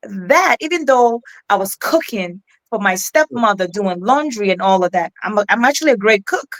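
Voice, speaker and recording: A middle-aged Ghanaian woman with a West African accent, appearing as an interview guest and keynote speaker, recounts her life story earnestly and reflectively, often restarting her sentences. Her mid-range voice is animated and slightly bright, moving at a normal pace.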